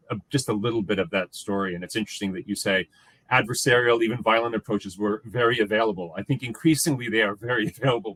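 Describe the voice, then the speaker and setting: A man moderates a panel discussion, introducing guests and asking questions in a halting way, with frequent restarts and fillers. His voice is lowish with a fairly bright tone, and the recording is rough.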